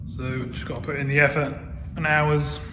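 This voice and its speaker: Down-to-earth car restorer, flat delivery, slightly breathless, echoey garage. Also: male voice, mid-range voice, moderate pace. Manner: chatty, down-to-earth, self-deprecating. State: out of breath from machine polishing. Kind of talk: casual workshop commentary. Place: garage workshop. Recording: roomy workshop with clear background noise.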